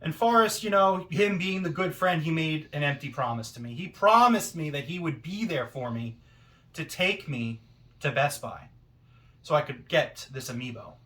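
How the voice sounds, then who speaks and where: A man delivering a self-important, accusatory wrestling promo monologue, with deliberate pauses and rhetorical questions. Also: on the high side, bright, forceful tone.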